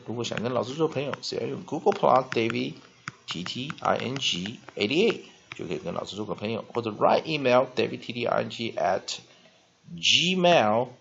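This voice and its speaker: Man, vocabulary teacher, step-by-step explaining, lively pitch, gravelly, dull lo-fi sound. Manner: explains step by step, spells words out, frequent drawn-out "ah". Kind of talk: whiteboard vocabulary lesson. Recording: dull lo-fi recording.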